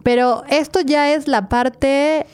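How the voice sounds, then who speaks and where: A woman hosting an interview, lively and chatty, telling personal anecdotes. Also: sits high, slow. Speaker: podcast host. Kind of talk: conversational interview.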